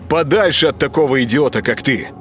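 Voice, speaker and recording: A man's voice: mid-range voice, animated, a little fast, a bit bright, soft background music, pitched above the performer's own voice, natural voice. A man voicing a wary male actor who answers in short, guarded lines. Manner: terse, guarded replies.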